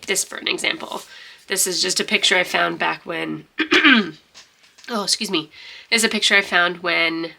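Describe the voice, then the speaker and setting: Here the journaling vlogger, a young woman with a stuffy-sounding voice, rambles casually through her journal with plenty of fillers and restarts. Her pitch is fairly low, marked by vocal fry, with a bright and forceful tone.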